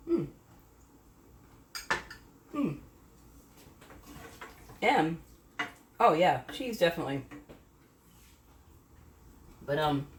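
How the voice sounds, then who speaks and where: A middle-aged woman with a low voice talks through a home cooking demo in a chatty, rambling way, correcting herself as she goes. She is recorded from a distance in an echoey kitchen with a faint hum of room noise behind her. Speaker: home cooking channel host. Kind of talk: casual cooking demo chat.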